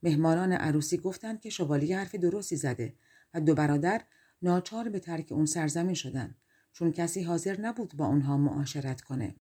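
A woman reads a fairy tale aloud for an audiobook. Her voice sits a little low and sounds mellow and slightly breathy. She tells the story calmly and voices every character herself. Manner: calm storytelling, reading all characters in her own voice. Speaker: audiobook narrator. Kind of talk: storybook narration.

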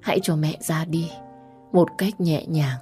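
A woman's voice: low-pitched, fairly even intonation, a little slow, warm tone, soft background music. A woman voicing a dying elderly mother who speaks weakly and pleads tenderly with her daughter in a told story. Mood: pleading. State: dying, gasping.

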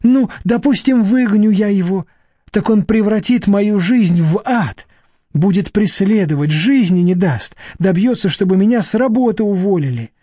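A man's voice: high voice, measured pace, warm tone, no echo, voice pushed up. A man reading an audiobook, voicing a timid young woman who talks in a plaintive, pleading way. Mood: agitated. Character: timid young woman, fearful and self-pitying.

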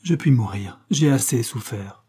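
A man reading the lines of a dying mother, weak, tender and resigned, speaking her slow faltering farewell. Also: medium pitch, animated, dark tone, breathy edge.

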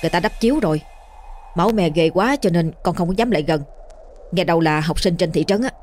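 A woman voicing a young village man, rushed, fretful and gossipy. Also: on the low side, lively intonation, darkish tone, lightly acted.

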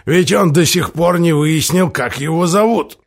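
A man's voice: fairly high pitch, unhurried, breathy edge. A man voicing a mischievous male astrologer who teases and laughs through his words. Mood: teasing glee.

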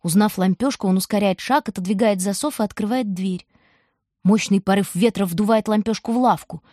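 A woman narrating a storybook audiobook in a vivid, expressive way. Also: mid-range voice, fairly quick, no echo, clean studio sound.

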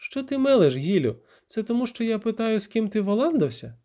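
A man's voice: animated, moderate pace, warm tone, natural voice. A man reading an audiobook, voicing an angry, defensive young woman who snaps and accuses. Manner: shrill, accusing, snapping.

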